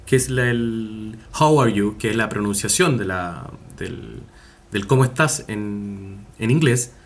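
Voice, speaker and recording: A man's voice: on the low side, slow pace. A man giving a recorded university class, talking with many fillers, self-corrections and rhetorical tag questions. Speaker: university lecturer. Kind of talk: recorded online class lecture.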